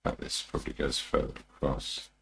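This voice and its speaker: A man talking through a live demonstration as a painting instructor, informal and unhurried, muttering his thoughts to himself as he works. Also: fairly bright tone, slight background noise. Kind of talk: TV painting instructor style, musing aloud while demonstrating.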